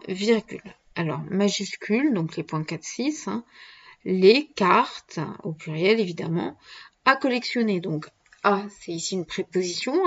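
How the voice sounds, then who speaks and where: A woman's voice: medium pitch, lo-fi sound. A woman teacher giving a dictation, spelling words letter by letter and patiently explaining grammar as she goes. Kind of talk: dictation lesson.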